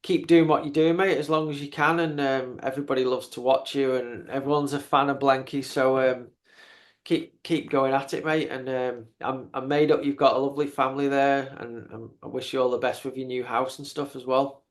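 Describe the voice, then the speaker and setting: A man in his fifties hosting a podcast, chatting casually in a halting way, often repeating words. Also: medium pitch, flat delivery. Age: 50s. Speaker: podcast host. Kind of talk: casual interview chat.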